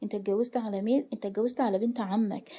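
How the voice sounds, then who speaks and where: A woman voicing a furious older man, the head of the family, who scolds loudly and demands answers in an Egyptian accent. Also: medium pitch, fairly even intonation, very fast, breathy edge, natural voice. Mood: outraged. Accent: Egyptian Arabic.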